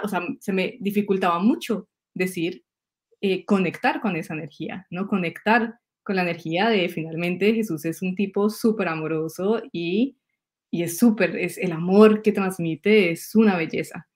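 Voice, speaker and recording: An astrologer from Colombia, a woman in her thirties with a Colombian Spanish accent, leads an informal spiritual video-call conversation via webcam in a home room. Her voice is on the low side at normal speed, and she narrates stories with animation, laughs a lot and repeats words.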